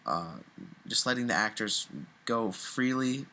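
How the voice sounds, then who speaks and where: A man's voice: mid-range voice, expressive, a little slow, bright, forceful tone. A young man co-hosting a horror movie review, chatting casually with a lot of ums and restarts. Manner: hesitant, many ums and restarts.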